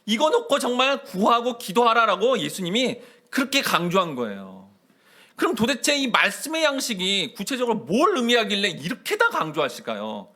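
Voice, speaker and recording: Animated high-pitched Korean pastor preaching. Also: male voice, normal speed. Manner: animated, questions to the congregation, acts out prayers. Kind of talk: sermon.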